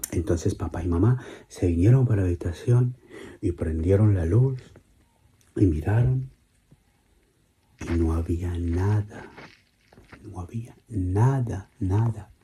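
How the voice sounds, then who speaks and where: A man narrating a children's bedtime story slowly and gently, with repetitions. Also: sits low, slight background noise. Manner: slow, gentle, repetitive telling.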